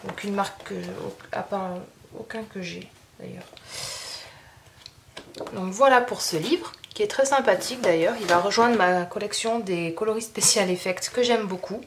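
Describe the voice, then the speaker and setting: A woman's voice: medium pitch, moderate pace, a little hiss or hum. A French woman chatting casually through an art-supply haul video, rambling with many fillers and restarts. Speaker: craft youtuber showing art supplies.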